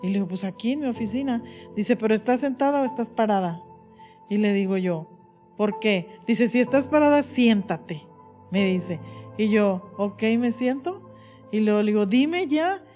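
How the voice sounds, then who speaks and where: A woman's voice: mid-range voice, moderate pace, warm tone, faint music behind. A woman pastor telling her testimony in an interview, emotional and full of fillers. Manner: emotional storytelling with many fillers.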